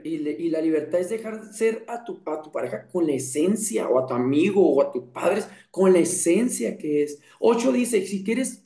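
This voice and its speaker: A man's voice: high-pitched, gravelly, mellow, roomy sound. A man talking as a guest in a casual conversation, earnest and reflective, often stopping and restarting his sentences.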